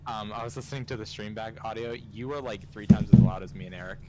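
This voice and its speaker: A man's voice: lowish voice, fast, heavy background noise. A man co-hosting a live stream, chatting casually in a laid-back, agreeable way. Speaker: co-host.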